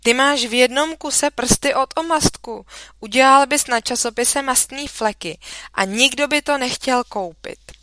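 A woman's voice: sits high, pushed and bright, dry recording, pitched above the performer's own voice. A woman reading aloud, voicing a schoolboy who needles and taunts the others. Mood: needling.

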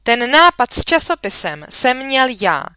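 A woman reading aloud, voicing a bossy schoolboy who talks loudly. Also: high voice, big pitch swings, clear, resonant tone, no room sound, voice pushed up, exaggerated voice. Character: loud schoolboy claiming leadership.

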